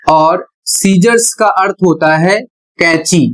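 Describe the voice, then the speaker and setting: A male teacher giving a classroom-style lesson, deliberate and spelling things out letter by letter with pauses. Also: sits high, fairly bright tone, rough recording.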